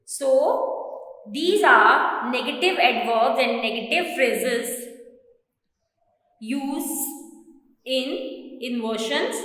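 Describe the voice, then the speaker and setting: A woman teacher with an Indian English accent giving a grammar lesson, explaining slowly and repeating each example sentence. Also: high voice, fairly bright tone. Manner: slow, repetitive explaining, rereading example sentences. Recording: echoey room with long reverb.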